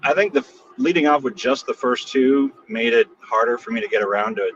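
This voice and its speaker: A man's voice: medium pitch, fairly quick, a bit bright, a little hiss or hum. A man calling in from his car, with a tinny, metallic phone sound, chatting casually and joking as a podcast co-host. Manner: joking, easygoing, rambling with fillers. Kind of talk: casual chat. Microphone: mobile phone call.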